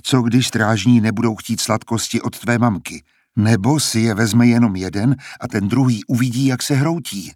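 A man's voice: mid-range voice, a little mellow, no room sound, clean studio sound, natural voice. A man voicing a cautious young man who keeps questioning a risky plan, in a storybook reading. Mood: worried. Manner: skeptical, questioning.

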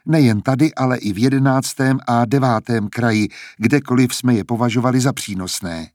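A man's voice: mid-range voice, a little mellow, dry recording, clean studio sound, natural voice. A man voicing an older female scientist who explains her birds with fondness. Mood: explaining.

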